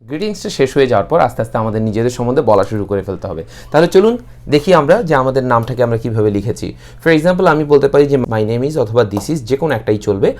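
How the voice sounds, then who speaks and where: A young man with a Bangladeshi accent teaching an English class, explaining steadily and slowing right down for model sentences. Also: medium pitch, lively intonation, darkish tone. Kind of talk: online English class, mixing Bengali and English.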